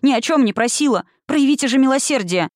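A woman's voice: sits high, animated, fast talker, no room sound, clean studio sound, pitched above the performer's own voice. A woman reading an audiobook, voicing a frightened little girl who pleads and stammers. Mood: frightened, pleading.

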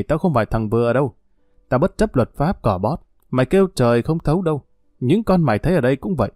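A man's voice: medium pitch, darkish tone, no room sound, studio quality, close to an everyday voice. A man doing a cruel menacing pimp. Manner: harsh, threatening, contemptuous. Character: brutal male pimp, cold and menacing.

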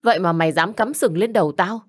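A woman reading a storybook, voicing an angry, jealous young husband who shouts insults and accusations. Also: on the low side, fast talker, close to an everyday voice. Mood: furious. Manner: shouting insults, coarse and bullying.

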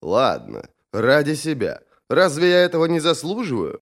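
A man's voice: a little high, wildly swooping pitch, normal speed, pitched above the performer's own voice, heavily acted. A man doing a sheepish, earnest young warrior. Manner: hesitant, sheepish. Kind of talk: audiobook character voice.

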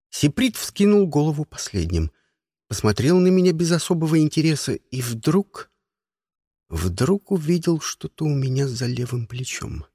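A man reading a first-person story aloud in an expressive, lively way. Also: fairly high pitch, dry recording, clean studio sound. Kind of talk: audiobook narration, first person.

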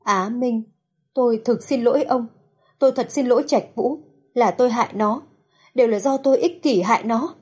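A woman narrator acts out a heartbroken middle-aged mother pleading through tears with guilt, her voice climbing high in desperation. The tone is dark, mellow and heavily breathy, at a moderate pace.

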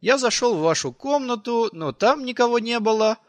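A man voicing an awkward teenage boy who answers haltingly and shyly in an audiobook. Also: very high-pitched, animated, dry recording, voice pushed up. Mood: hesitant. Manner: hesitant, halting.

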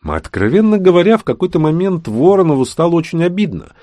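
A man narrating a fantasy audiobook with an expressive, dramatic reading. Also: a little high, fast, dry recording.

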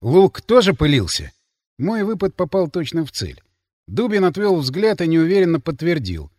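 A man narrating first-person fiction in an expressive, dramatic reading. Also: fairly high pitch, normal speed, no echo, clean studio sound. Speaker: audiobook narrator.

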